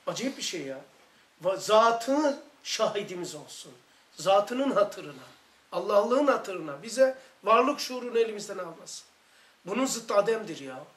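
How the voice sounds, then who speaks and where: A man's voice: high voice, sing-song, measured pace, fairly bright tone. A man with a Turkish accent leading a religious study circle, talking with fervent, emphatic storytelling. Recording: echoey room recording.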